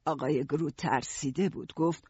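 A husky, slightly high man's voice reads a story aloud in the first person, steady and even. The recording is dry and dull, like a lo-fi studio. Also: no room sound. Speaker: narrator. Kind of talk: audiobook narration.

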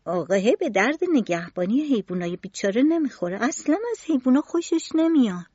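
A woman's voice: on the high side, expressive, mellow, breathy edge, dry recording. A woman voicing a thoughtful, earnest young boy who asks curious questions. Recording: dull lo-fi recording.

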